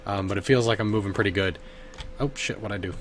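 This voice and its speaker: A man's voice: lowish voice, steady tone, fast talker, background noise. A man in his thirties, a bit drunk, giving rambling, profane live commentary while playing a game from his bedroom. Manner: rambling, swearing, laughing often. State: tipsy from drinking. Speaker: streamer. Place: home bedroom.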